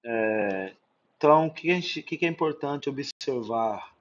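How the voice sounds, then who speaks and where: A man's voice: medium pitch, expressive, normal speed, dull audio. Brazilian man teaching, checking in with "né?". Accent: Brazilian Portuguese. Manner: explains with many examples and frequent "né?" checks. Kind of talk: recorded exam-prep lesson.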